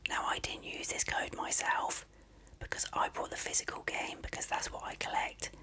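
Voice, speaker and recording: In a breathy, unvoiced whisper, an ASMR unboxing presenter softly and unhurriedly explains things for a video.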